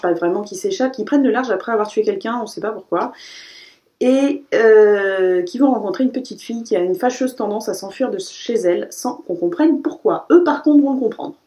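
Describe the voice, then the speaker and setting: Book vlogger, woman, mellow tone, chatty and casual, stumbles and corrects herself. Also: mid-range voice. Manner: chatty, self-correcting, frequent "euh" fillers. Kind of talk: casual book haul review.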